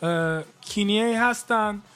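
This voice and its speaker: Male call-in host, American-tinged accent, high and playful. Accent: American-tinged Persian. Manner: jokey, loud greetings, banters with callers. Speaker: radio host. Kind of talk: call-in radio chat.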